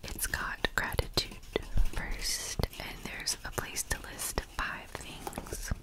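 A woman hosting an ASMR video in a breathy whisper, casually describing items in hushed remarks. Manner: slow, gentle-paced, hushed casual remarks.

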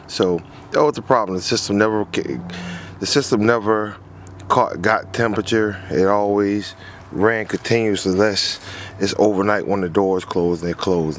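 With a deep voice and a little background noise, a man who works in HVAC walks the viewer through a repair on a lawn outside. Filmed on a phone, his explanation is loose and meandering, circling back to the same points.

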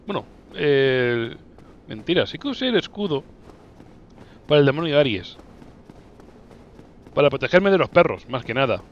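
A young man with a Spanish accent from Spain commentating his own gameplay, playful and excitable, teasing the enemies he fights with sudden yelps and laughs. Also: medium pitch, moderate pace, long pauses, muffled recording. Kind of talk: playful let's-play commentary.

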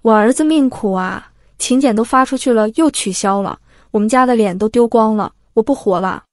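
A woman voicing a shrill, vulgar middle-aged mother who shrieks insults and wails theatrically. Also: normal speed, darkish tone, no room sound, studio quality, lightly acted. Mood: screeching abuse. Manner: shrieking abuse, theatrical wailing.

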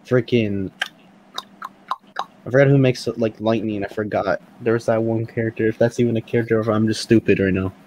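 A man's voice: fairly low pitch, fairly even intonation, brisk, warm tone, low-quality recording. A man chatting casually over voice chat while playing a game, rambling and laughing, often restarting his sentences. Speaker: voice chat role-player. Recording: faint background noise.

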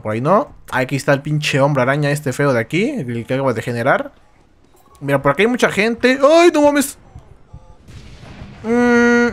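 A man with a Mexican accent giving excitable, swear-heavy commentary while playing a game. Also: on the high side. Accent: Mexican Spanish. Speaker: gaming YouTuber. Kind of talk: let's-play game commentary.

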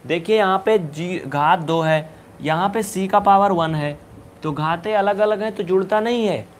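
A man teaches basic algebra in a live online class, his voice sitting high for a man. He talks briskly and coaxingly, pushing students to answer quickly and scolding them playfully now and then. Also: slight background noise. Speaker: maths teacher.

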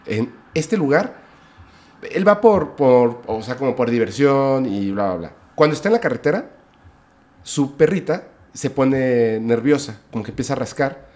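A man, a podcast guest, telling a story in casual chat, lively, often adding "o sea" and "¿no?". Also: mid-range voice, a little slow. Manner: lively retelling, with "o sea" and "¿no?" tags.

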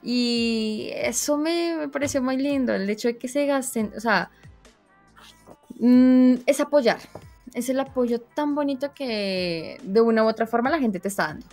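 Lively young woman telling stories. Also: a little high, measured pace, faint music behind. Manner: animated storyteller, voices her own reactions. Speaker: streamer guest. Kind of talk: casual interview chat.

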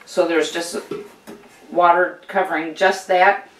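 An older American woman hosts a casual homesteading how-to, chatting encouragingly as she shows off gear, full of fillers and restarts. Her voice is fairly low and evenly pitched, and she talks slowly. Recorded indoors in a home kitchen with steel counters, she sits far from the mic in a roomy, echoing space.

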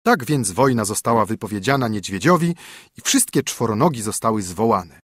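Husky, expressive male storyteller. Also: fairly low pitch, normal speed, no room sound, studio quality. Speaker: audiobook narrator. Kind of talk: scripted fairy-tale narration.

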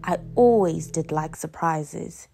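A woman's voice: low-pitched, takes it slowly, gravelly, a little hiss or hum, exaggerated voice. A woman voicing a kindly, amused female head witch in a storybook reading. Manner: warm, chuckling.

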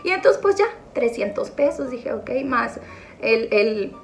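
A woman's voice: on the high side, lively intonation, a little slow. A middle-aged woman, rambling chattily with self-mocking asides, recorded on a phone. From northwest Mexico. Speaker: vlogger. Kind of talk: chatty monologue.

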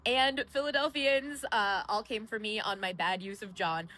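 A woman with a Central Ohio accent, explaining accents to viewers in a lively, casual way. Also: medium pitch, moderate pace, low-quality recording. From Central Ohio, United States. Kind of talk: casual educational explainer to camera.

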